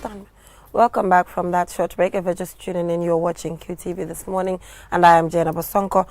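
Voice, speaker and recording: A woman's voice: on the low side, flat delivery, a little fast, darkish tone, soft background music. A woman presenting a morning television show in a conversational interviewing style.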